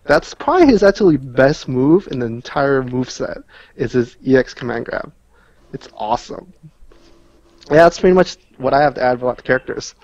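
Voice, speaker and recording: Animated and a little mellow, a man at medium pitch and normal speed talks casually on a gaming podcast as a guest. He explains moves using thick player jargon, heard through dull lo-fi audio in a roomy room.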